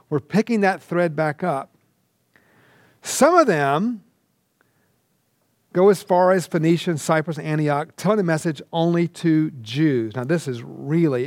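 A middle-aged man from Georgia, teaching a recorded lesson and telling lively stories. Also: a little high, no room sound, clean studio sound. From Georgia, USA. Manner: animated storytelling with asides. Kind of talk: recorded lecture.

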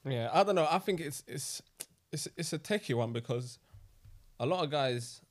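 A man's voice: a little high, animated, normal speed. A young man with a London roadman accent and street slang, chatting casually on a podcast. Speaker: podcast participant.

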